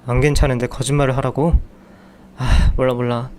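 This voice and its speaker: A man's voice: medium pitch, level tone, fairly quick, darkish tone, slight background noise, close to an everyday voice. A man voicing a whiny young husband who grumbles about every hard job. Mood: grumbling. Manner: sulky, complaining.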